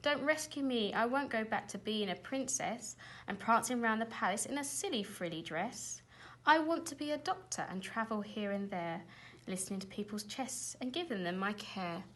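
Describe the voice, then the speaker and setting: A woman's voice: a little high, lively intonation, normal speed, fairly bright tone. A woman voicing a kind, plucky young princess in a storybook, polite and forthright. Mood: indignant.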